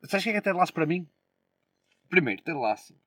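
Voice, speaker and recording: A man's voice: a little high, sing-song, fast talker, a bit bright, slight background noise. A young man with a European Portuguese accent, chatting casually and slangily, with swearing, as a podcast co-host. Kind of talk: casual chat.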